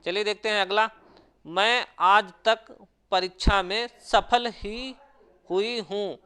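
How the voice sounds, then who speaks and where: Guy teaching exam prep, reads questions n options slowly, bright clear voice. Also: high-pitched, fairly even intonation. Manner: reads out quiz questions and options, then explains answers.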